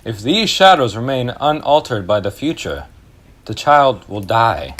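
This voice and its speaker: A man's voice: medium pitch, big pitch swings, a little slow, fairly bright tone. A young man playing a hearty, laughing Christmas spirit on a school stage, who turns grave at times. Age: young adult. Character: booming jovial male Christmas spirit. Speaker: student actor.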